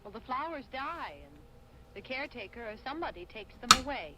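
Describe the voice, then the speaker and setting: A woman's voice: high voice, lively intonation, fairly quick, very noisy. An actress playing a nervous young woman who scolds her brother, from an old film soundtrack. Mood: weary. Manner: scolding, uneasy.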